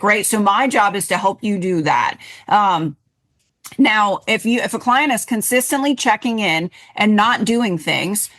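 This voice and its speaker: A woman with a medium-pitched, slightly bright voice co-hosts a casual podcast as a health coach. She talks directly and repetitively about coaching her clients.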